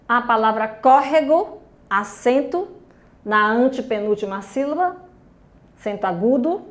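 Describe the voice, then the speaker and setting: A Brazilian woman teacher giving a recorded grammar lesson to young children, speaking slowly and patiently and often checking in with "tudo bem?" and "ok?". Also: sits high. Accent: Brazilian Portuguese. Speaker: primary school teacher.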